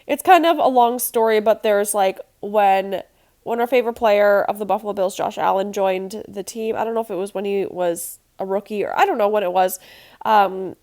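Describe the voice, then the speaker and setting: Talking through a craft project with plenty of ums, this scrapbooking channel host sounds congested and nasal because of allergies. She's a young woman with a mid-range, darkish voice and a moderate pace.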